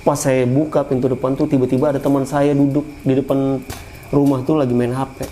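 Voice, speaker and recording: A man recounting his own eerie experience in a casual, animated way, often repeating phrases and addressing the listener. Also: medium pitch, fairly quick, slight background noise, poor audio. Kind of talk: casual first-person ghost story.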